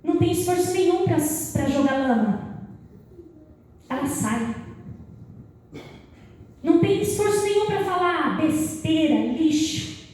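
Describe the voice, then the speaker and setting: A Brazilian woman with a high voice leads a church Bible study, slipping into lively acted-out quotes. She is heard from a distance in a very echoey hall. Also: slow, long pauses. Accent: Brazilian Portuguese. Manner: animated, acts out little quoted scenes. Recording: echoey room, voice from far off the mic.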